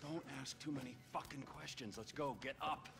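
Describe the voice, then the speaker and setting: A man's voice: mid-range voice, normal speed, creaky, close to an everyday voice. A man playing a volatile, defiant criminal in a game, brusque and profane. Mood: impatient. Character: volatile, foul-mouthed male criminal, gruff and defiant.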